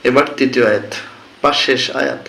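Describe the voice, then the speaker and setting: A man teaching Quran reading, spelling out each Arabic letter and vowel mark slowly, then chanting the words in a melodic recitation. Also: mid-range voice, vocal fry, fairly bright tone, reverberant, slight background noise. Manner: slow, deliberate spelling, breaking into melodic recitation.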